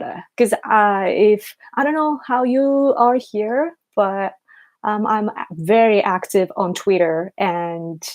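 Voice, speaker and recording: A woman chatting casually on a live stream, keeping her voice quiet late at night as if someone is asleep nearby. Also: mid-range voice. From Japan. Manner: quiet, hushed late-night talk so as not to wake a sleeper. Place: small room in a tiny two-room home.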